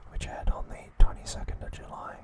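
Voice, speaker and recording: Whispering breathily throughout, this ASMR trivia host narrates in a hushed, measured way, telling a recap like a story in brief phrases.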